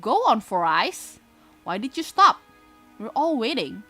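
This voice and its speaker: A woman's voice: a little high, very animated, unhurried, bright, forceful tone, faint music behind, full character voice. A woman voicing a mocking, swaggering teenage bully in a visual novel. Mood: taunting. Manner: taunting.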